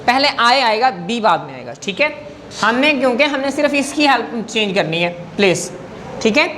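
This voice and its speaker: A man's voice: extremely high pitch, sing-song, bright, forceful tone, slight background noise. A man teaching an English grammar lesson in class, patient and coaxing, often checking whether students follow.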